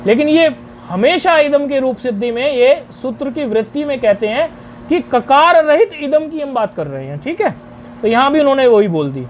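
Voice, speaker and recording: A man teaching a grammar lecture, explaining rules deliberately and chanting each rule syllable by syllable. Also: very high voice, expressive, faint music behind.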